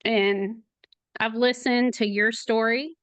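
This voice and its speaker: A middle-aged woman, a podcast guest, speaking in a slow, halting, emotional way, near tears at times. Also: a little high, steady tone, a bit bright, dry recording. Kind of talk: podcast interview.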